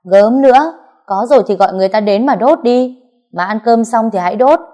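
Woman doing a nagging granny, mellow, high when cross. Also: measured pace, lightly acted. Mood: grumbling. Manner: scolding, pitch rising when annoyed. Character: elderly grandmother, sharp-tongued and grumbling.

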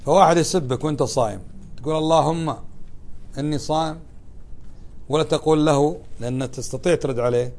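A man's voice: fairly high pitch, fast talker, pauses often, a little mellow. Man giving a religious lesson, questioning students. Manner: asks students questions and answers them, conversational. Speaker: sheikh teaching a lesson. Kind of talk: classroom religious lesson explaining a text.

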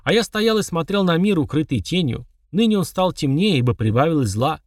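A man reading a first-person novel aloud as an audiobook narrator, in a measured, even storytelling manner. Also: a little high, no room sound, clean studio sound, recorded from a distance.

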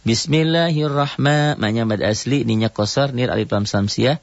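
A man teaching Quran recitation rules on a radio program, explaining each rule in short phrases and now and then chanting a verse slowly at a higher pitch. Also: creaky, dry recording, dull audio. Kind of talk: radio tajwid lesson.

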